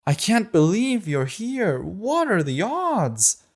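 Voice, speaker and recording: A man voicing a pale, sickly girl with a high, girlish voice who is eerily eager and hides menace, in an audiobook. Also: big pitch swings, moderate pace, a little mellow. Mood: gushing.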